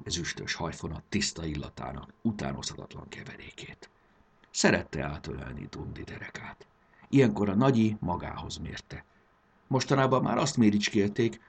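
A man narrating a children's story in a gentle, expressive reading. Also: low-pitched, vocal fry, slightly rough.

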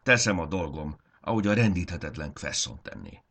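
A man's voice: low voice, very animated, creaky, fairly bright tone, heavily acted. A man voicing a proud male lizard-bird soldier in a storybook reading, speaking in a solemn, dutiful tone.

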